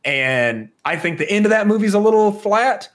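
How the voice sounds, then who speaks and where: A man from the southern United States, with an American accent and a high, animated voice, co-hosts a podcast at a moderate pace. The talk is casual chat, and he's joking and opinionated.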